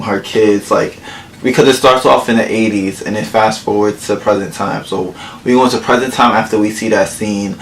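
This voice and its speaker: A man's voice: on the low side, low-quality recording. Man, casual movie recap, eating while talking, rambling, lots of fillers, faint hiss behind. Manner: rambling, many "like" fillers, self-correcting. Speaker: vlogger. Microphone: camera mic, eating on camera.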